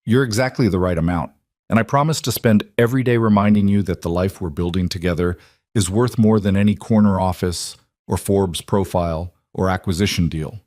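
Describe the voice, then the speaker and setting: A soft-spoken single dad groom pours out warm, earnest vows, voiced by a male narrator. His voice is low and dry, recorded close with no room sound. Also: a little fast, no echo, lightly acted. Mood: tender. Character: gentle, guarded single dad making vows.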